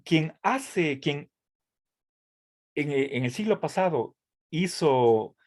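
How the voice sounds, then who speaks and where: A university lecturer gives a tutoring lecture, explaining carefully but hesitantly, with many fillers and restarts and a frequent "¿sí?" to check that his students follow. His voice is a little high, animated and darkish in tone, and he speaks extremely slowly.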